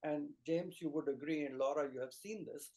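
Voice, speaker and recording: This interview guest is a middle-aged man from rural India who teaches Ayurveda and speaks with an Indian accent. His voice is fairly high yet dark in tone, moving at a moderate pace as he earnestly stacks up short phrases and lists, though the audio quality is poor.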